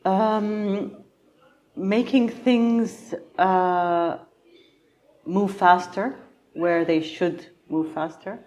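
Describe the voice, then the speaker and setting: A middle-aged woman from Egypt, a patient advocate answering conference interview questions thoughtfully, pausing often with fillers. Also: medium pitch, steady tone, a little mellow. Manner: thoughtful, many pauses and fillers.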